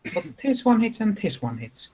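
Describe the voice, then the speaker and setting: A man's voice: sits high, big pitch swings, normal speed, darkish tone, a little hiss or hum, low-quality recording. A man running a tabletop game as game master, narrating the fight and adding spoken sound effects.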